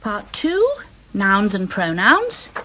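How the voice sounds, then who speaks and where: A woman acting in a scripted dialogue for a language course, speaking in an eager, animated way. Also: medium pitch, very slow, a little hiss or hum, heavily acted, low-quality recording.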